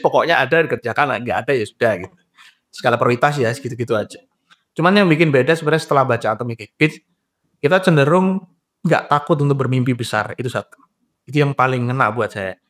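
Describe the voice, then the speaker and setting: Lively young man explaining with acted-out dialogues. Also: mid-range voice. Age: young adult. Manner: lively explainer who acts out dialogues and laughs at his own points. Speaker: guest, graduate psychology student and trainer. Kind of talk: casual interview talk.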